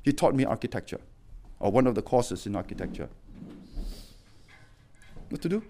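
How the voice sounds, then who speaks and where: A middle-aged man preaching a sermon as a pastor, swinging between loud exhortation and quiet, low warnings. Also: animated, normal speed, a little hiss or hum.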